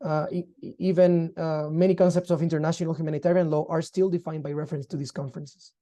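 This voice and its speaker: Very dark-voiced man lecturing. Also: fairly high pitch, level tone. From Guatemala. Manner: measured, formal, explanatory. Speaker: law lecturer. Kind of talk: online lecture.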